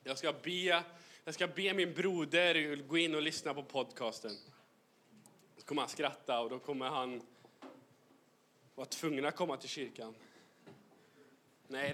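A bright-toned man preaching in a church, lively and full of jokes. His voice sits high and sounds forceful, and he slips English phrases into his sermon. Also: long pauses, slight background noise. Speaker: youth pastor. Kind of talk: humorous sermon. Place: church hall.

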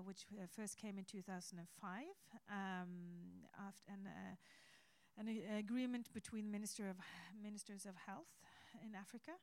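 A woman interviewee explaining policy thoughtfully, often pausing to search for words mid-sentence. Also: mid-range voice.

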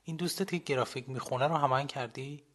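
A young university woman who teases her friend and cares about him, upbeat and a little husky , voiced by a man reading the story. She speaks a little louder than the narration around her, as a warm presence in a radio storybook. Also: medium pitch, close to an everyday voice. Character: young woman student, cheerful, teasing, caring friend.

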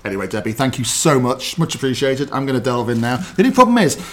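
A man's voice: medium pitch, very animated, fast talker, fairly bright tone. A man hosting a football podcast in casual banter, joking and rambling with lots of fillers and restarts. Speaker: podcast host.

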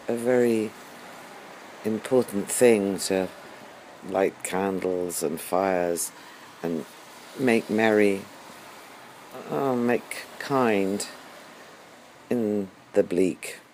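An older man talks slowly and thoughtfully, pausing often in a wry, halting personal monologue. His voice sits fairly low, and faint ambient noise hums behind him. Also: darkish tone, low-quality recording. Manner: musing, halting, with wry humour. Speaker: podcast host.

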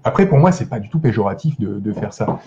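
Low mellow-voiced man, hesitant chat. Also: lively intonation, quick pace, lo-fi sound. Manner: hesitant, many restarts and fillers, enthusiastic. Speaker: guest film critic. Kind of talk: casual podcast discussion.

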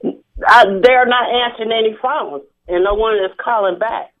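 A woman calling in to a radio talk show over the phone, speaking hesitantly with halting restarts. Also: fairly high pitch. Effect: phone line. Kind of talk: call-in radio. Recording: tinny phone line.

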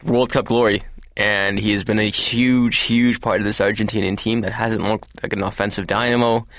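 Gravelly low-voiced man hosting sports talk. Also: steady tone, moderate pace, a bit bright, dry recording, studio quality. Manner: blunt, steers the discussion. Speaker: podcast host. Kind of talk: casual sports chat.

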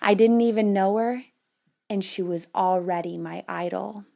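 Slow, measured young woman giving a speech. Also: medium pitch, vocal fry, warm tone. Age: 20s. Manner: measured storytelling with dramatic pauses. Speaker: speaker. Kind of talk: prepared speech.

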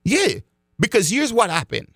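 A man's voice: sits high, very animated, moderate pace, a bit bright, husky, no room sound, clean studio sound. A man giving a direct talk to his audience as a financial educator, speaking emphatically, repeating key phrases and calling his listeners folks.

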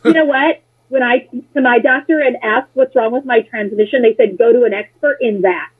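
An American woman, a former political candidate appearing as an interview guest, chats casually in a highish, breathy voice at a fairly quick clip. She tells opinionated stories bluntly and sarcastically, swearing freely, over a muffled, lo-fi, phone-like connection.

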